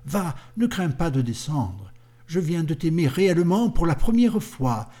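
A man's voice: fairly high pitch, big pitch swings, measured pace, mellow. A man reading a passionate, lovesick young man in an audiobook, fervent and pleading.

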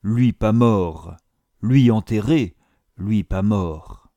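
A man's voice: on the low side, drawn-out words, dark tone, no room sound, dull audio. A man voicing a frantic foreign male servant who pleads urgently in broken, pidgin phrasing. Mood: accusing.

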